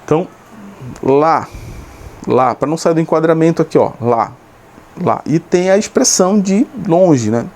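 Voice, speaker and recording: A man's voice: fairly high pitch, animated, moderate pace, pauses often, darkish tone. A man with a Brazilian Portuguese accent teaching a video lesson, explaining patiently and often checking that his students follow. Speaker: sign language teacher.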